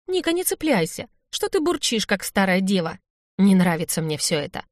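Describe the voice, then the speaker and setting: A woman's voice: on the low side, fairly even intonation, normal speed, dry recording, clean studio sound, close to an everyday voice. A woman voicing a pushy young female student who scolds her friend, in an audiobook. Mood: scolding. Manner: scolding, insistent.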